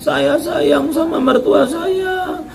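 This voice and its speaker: Man doing a sobbing young daughter-in-law, high and gravelly. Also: steady tone, unhurried, crowd noise, heavily acted. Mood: desperate pleading. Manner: begging, high-pitched and sobbing. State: crying. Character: tearful pleading young woman, daughter-in-law.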